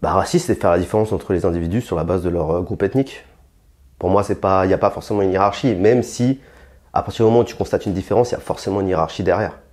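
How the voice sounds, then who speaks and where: A young French rapper in an interview talks fast in a slightly mellow voice, answering bluntly and provocatively with lots of fillers and restarts. Heated moments make him rise in pitch and force.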